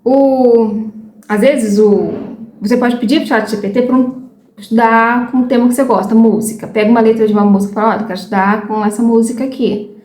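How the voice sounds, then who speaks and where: A woman's voice: fairly high pitch, fairly even intonation, fairly quick, a little mellow, roomy sound. A Brazilian woman in her thirties with a Brazilian accent, chatting frankly to her viewers as she learns English and often loses her train of thought. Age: 30s. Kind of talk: casual chat to viewers.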